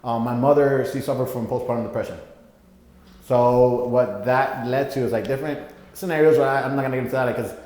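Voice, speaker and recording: A man's voice: medium pitch, a little fast, a little mellow. A young man from Puerto Rico, raised in Florida, talking as a guest in a casual interview, rambling with lots of fillers and restarts. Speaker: podcast guest. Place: gym. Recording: echoey room with long reverb.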